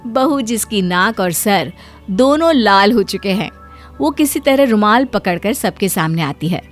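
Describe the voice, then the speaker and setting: A woman narrating a cartoon story in a lively storytelling manner. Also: medium pitch, unhurried, soft background music.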